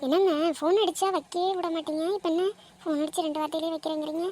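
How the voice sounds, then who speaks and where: A woman performs a young girlfriend in a cartoon drama. Her high voice stays low in volume but insistent and pressing, with a faint hiss in the background. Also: steady tone, racing. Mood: worried. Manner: insistent, pressing, quiet intensity. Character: young woman, anxious then furious girlfriend. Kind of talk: animated cartoon voice acting.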